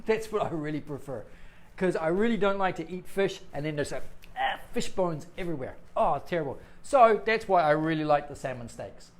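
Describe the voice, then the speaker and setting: A man's voice: a little high, animated, normal speed. A middle-aged man teaching English on a live stream, chatting playfully with viewers and joking as he explains.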